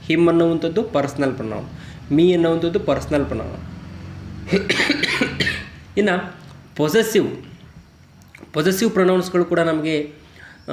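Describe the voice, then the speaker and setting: A man teaching grammar, reading his English example sentences slowly and deliberately. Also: on the high side, echoey room, slight background noise. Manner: slow, deliberate English example sentences between quick Kannada explanations. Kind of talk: explaining grammar in a lesson.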